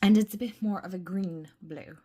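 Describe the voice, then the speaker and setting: A woman chatting casually through a tarot deck review at her desk. Her voice is worn from illness, and she gushes and often drops into soft whispers. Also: mid-range voice, normal speed, husky.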